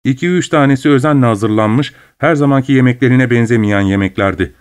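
Calm male audiobook narrator. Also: medium pitch, fairly quick, clear, resonant tone.

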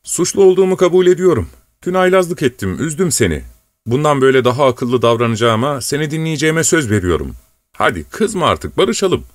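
A man's voice: medium pitch, very animated, brisk, dry recording, voice pushed up, close to an everyday voice. A man voicing a proud, impulsive young nobleman who gives orders to his servant. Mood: coaxing. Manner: commanding, later coaxing.

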